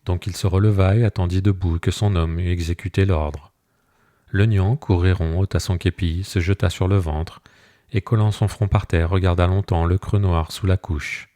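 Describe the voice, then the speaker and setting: Audiobook narrator, man, low mellow voice, measured delivery, dry close sound. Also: fairly even intonation, dry recording. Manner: measured storytelling. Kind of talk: scripted narration.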